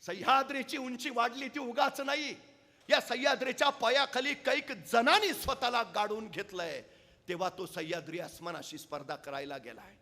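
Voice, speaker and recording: A man's voice: very high-pitched, normal speed, pushed and bright, in a large hall. A man giving an impassioned public speech full of dramatic storytelling. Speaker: public speaker. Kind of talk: oration.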